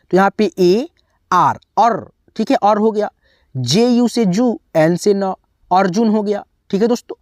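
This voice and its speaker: A man's voice: high-pitched, no echo. Guy teaching spelling to beginners, goes letter by letter, keeps checking in, dry close sound. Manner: patient, spells words out letter by letter; keeps saying "okay, friends".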